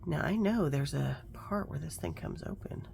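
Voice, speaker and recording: A woman's voice: sits low, expressive, normal speed, vocal fry, darkish tone, slight background noise. A woman chatting casually while working on a craft journal, telling stories and muttering to herself over her work. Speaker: craft vlogger.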